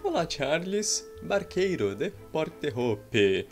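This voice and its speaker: A gaming YouTuber gives playful, casual commentary over a game, adding his own combat sound effects, recorded on a desk mic in a small room at home. His voice is a little high with big pitch swings, he takes it slowly, and faint music plays behind him.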